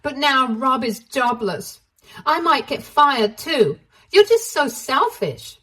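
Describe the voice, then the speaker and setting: A woman's voice: mid-range voice, slow, lightly acted. A woman voicing a scornful cheating ex-wife who pouts, whines and accuses. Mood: accusing. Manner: pouting, whiny and accusing.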